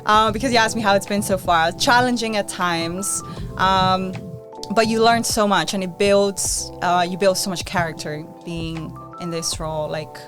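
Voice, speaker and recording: A woman's voice: medium pitch, fairly even intonation, moderate pace, over music. A woman in her twenties, a podcast co-host, chatting casually and rambling with lots of fillers. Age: 20s. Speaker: podcast co-host, student union president. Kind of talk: casual chat.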